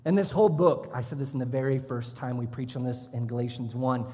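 A man in his thirties, a pastor preaching a sermon, telling stories and now and then shouting as he acts out a drill instructor. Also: mid-range voice, steady tone, a little fast. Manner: storytelling, shouts when acting out a drill instructor. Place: church hall. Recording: long hall reverb.

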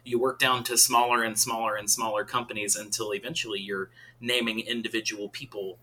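A man's voice: fairly low pitch, flat delivery, brisk, sharp tone, a little hiss or hum, low-quality recording. A man discussing a book in a thoughtful, loose way with fillers.

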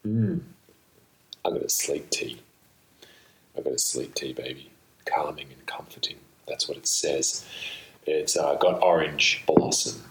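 A man with a deep voice talks to himself as a podcast host, thinking aloud in a loose and playful way. His phrasing is slangy and wandering. The sound is roomy, picked up by a laptop's built-in microphone rather than a proper studio one. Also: measured pace, long pauses. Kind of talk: rambling, playful solo monologue. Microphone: built-in laptop microphone, mistakenly used instead of studio microphone.

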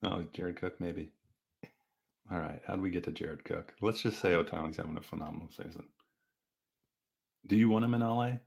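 A man co-hosting a podcast, chatting casually about sports with lively restarts. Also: low voice, gravelly. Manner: animated, fast back-and-forth with restarts. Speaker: podcast co-host.

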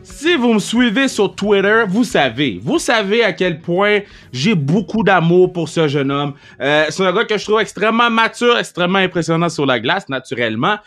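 Hyped Quebec French podcast host. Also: male voice, high-pitched, expressive, normal speed, hardly any pauses, a bit bright, faint music behind. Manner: hyped, playful, mixes English slang into French. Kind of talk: casual podcast chat.

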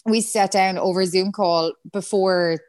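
A woman's voice: medium pitch, steady tone, unhurried, a little mellow. Chatty woman with a west of Ireland accent. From Galway, west of Ireland. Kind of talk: casual chat.

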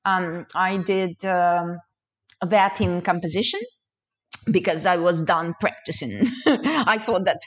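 A young woman from Ukraine talks about her music in a relaxed interview, with a fairly low voice. She laughs often and fills pauses with ums. The audio is muffled and lo-fi, like a remote call. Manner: chatty, many fillers, laughs often. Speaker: composer and pianist, guest. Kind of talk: casual interview conversation.

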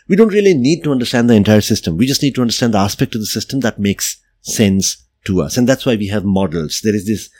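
A middle-aged man hosts a solo podcast, talking through ideas in a reflective, conversational way and often checking in with "right?" and "you know." His voice is on the low side and a little mellow. The recording is dry and studio quality.

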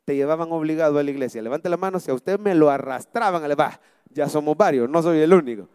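A man preaching a sermon in a church, emphatic, swinging between loud peaks and soft drops. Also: on the high side, fast talker, smooth, dry recording, studio quality, in a large hall. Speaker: pastor. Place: church hall.

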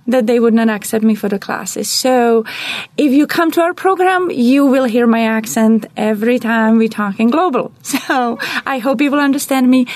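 A woman's voice: a little high, a little mellow, dry recording. A middle-aged woman from the Czech Republic with a Czech accent, answering interview questions with enthusiasm in long, flowing answers. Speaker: guest, director of global programs. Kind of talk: podcast interview.

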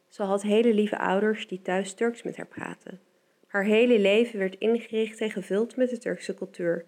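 A woman giving a calm, measured Bible meditation, slowing down for emphasis. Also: medium pitch, gravelly. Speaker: devotional speaker.

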